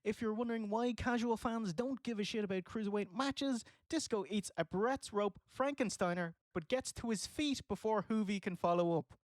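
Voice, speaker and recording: Podcast co-host, casual recap, dry close sound, mid pitch. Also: moderate pace, few pauses, dry recording.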